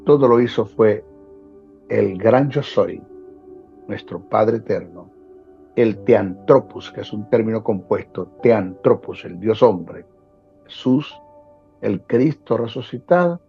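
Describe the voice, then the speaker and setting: A man's voice: fairly low pitch, slow, gravelly, slightly rough. A man, a Bible teacher talking as a guest in a preaching style, repeating phrases for emphasis. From Venezuela. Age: 60s. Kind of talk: preaching-style interview talk. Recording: dull lo-fi sound with faint music.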